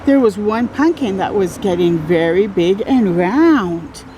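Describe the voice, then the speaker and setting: A children's storyteller reads a picture book aloud to young kids with expressive flair, exclaiming, tossing in encouraging asides and stretching out key words. Her medium-pitched voice is animated and warm, at a measured pace. The low-quality recording carries a little hiss or hum.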